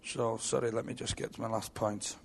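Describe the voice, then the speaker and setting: A man's voice: fairly low pitch, fairly even intonation, brisk, vocal fry, a little hiss or hum. A man preaching a sermon in a church, telling stories with frequent restarts and repeated words.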